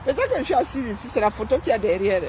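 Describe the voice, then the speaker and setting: A woman's voice: on the high side, very animated, racing, background noise. A woman doing live-stream commentary while seated, mocking and sarcastic, often tossing in "hein?". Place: seated indoors.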